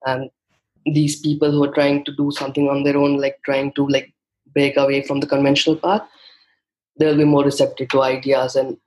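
In this low-quality recording, the guest of a conversational interview is a young man from India whose first language is Hindi. He speaks at a normal speed in a mid-range, darkish voice with a completely flat delivery, answering thoughtfully but with frequent fillers and restarts.

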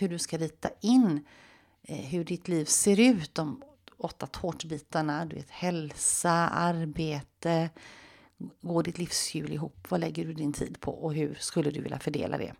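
Low, gravelly-voiced woman coach. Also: darkish tone. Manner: conversational, coaching, speaks directly to the listener. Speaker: life coach and podcast host. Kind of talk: solo podcast monologue with guided visualization.

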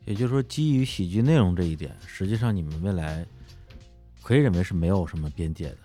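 A man with a very deep voice hosts a podcast conversation. He asks calm, measured questions and keeps the talk going with short affirmations. Faint music plays softly behind him. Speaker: podcast host. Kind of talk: casual conversational interview.

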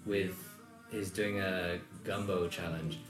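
Low-voiced relaxed podcast host, echoey room. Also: slow, over music. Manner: relaxed, conversational, lots of fillers. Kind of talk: casual chat.

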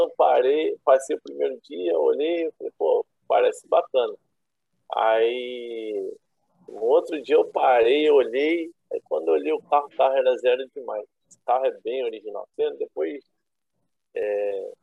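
A man in his thirties with a Rio de Janeiro accent chats in loose, slangy Brazilian Portuguese. His voice is creaky and rough, and it comes through a narrow, phone-like connection as he rambles through casual stories. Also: medium pitch. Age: 30s. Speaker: guest, classic car owner. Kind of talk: casual storytelling chat. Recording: roomy, thin phone-like internet call.

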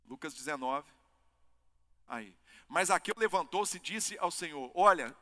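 A man preaching a sermon as pastor, swinging between loud impassioned peaks and low, weighty emphasis. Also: lively intonation, measured pace. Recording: long hall reverb.

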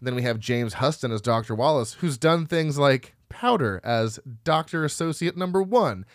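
Reading out film credits in a casual chat, this male co-host of a podcast rambles, mocks himself with laughter and stumbles on names. He speaks at medium pitch and normal speed with lively intonation, and the dry booth has no echo.

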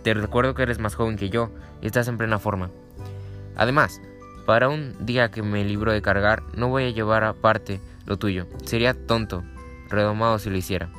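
A man's voice: on the low side, fairly even intonation, quick pace, darkish tone, faint music behind, natural voice. A man voicing a selfish older horse in a children's story, with a dismissive, annoyed manner.

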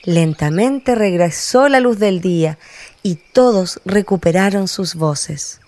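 Brief: woman narrator for kids' story, slow and gentle. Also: lowish voice. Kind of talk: scripted narration.

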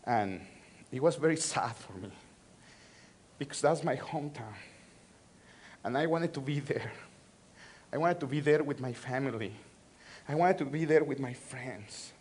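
With a medium-pitched, unhurried voice and long pauses, a Mexico City pastor with a Mexican Spanish accent leads a call-and-response sermon in church. He repeats phrases, moving between loud and soft, over a little hiss or hum.

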